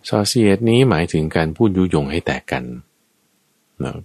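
A man's voice: low-pitched, animated, normal speed, a little mellow, no echo. A man teaching Buddhist ethics in a conversational way, going point by point with everyday examples. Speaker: dharma teacher.

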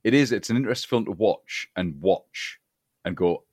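Deep-voiced podcast host. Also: male voice, animated, moderate pace, a little mellow, no echo, clean studio sound. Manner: chatty, frequent yeah and fillers. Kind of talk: casual film chat.

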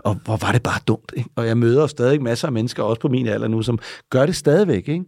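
A man's voice: mid-range voice, gravelly, darkish tone, no room sound, studio quality. A man talking casually as an interview guest, rambling and often checking in with little tag questions and restarts.

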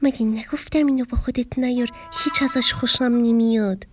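A woman's voice: on the high side, fairly even intonation, a little hiss or hum, lightly acted. A woman voicing a bossy, snooty girl fish schoolkid with a sulky, dismissive manner, in a children's story.

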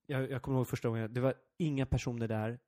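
A man's voice: mid-range voice, fairly even intonation, warm tone. En man, komiker, som pratar avslappnat i ett samtal, inflikar korta kommentarer och skrattar gärna. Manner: reacts with short interjections, breaks into laughter. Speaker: stand-up comedian, podcast co-host. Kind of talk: casual chat.

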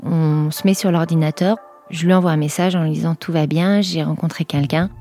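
A woman, recounting a personal memory in a chatty, halting way with many fillers and restarts. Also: sits low, fairly even intonation, dark tone, faint music behind. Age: 40s. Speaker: guest telling her story. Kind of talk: personal testimony storytelling.

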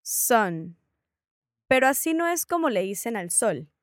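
Slow-speaking woman repeating English words. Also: a little high, very animated, dry recording, clean studio sound. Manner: repeats words back, asks curious questions. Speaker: student. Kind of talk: language lesson dialogue.

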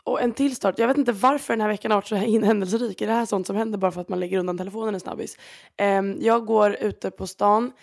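A woman hosts a podcast alone, rambling through her week's stories with plenty of fillers. Her voice sits at a middle pitch with a gravelly, fry-heavy edge. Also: steady tone. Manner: chatty, rambling, many fillers. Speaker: podcast host. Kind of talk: casual storytelling monologue.

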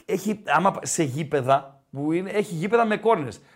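A man hosting a podcast, talking sport in a casual, joking, animated way. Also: a little high. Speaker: podcast host.

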